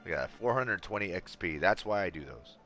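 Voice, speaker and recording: A man's voice: low voice, animated, a little fast, bright, forceful tone, soft background music. A man giving casual let's play commentary, with wry, joking asides to the game's characters.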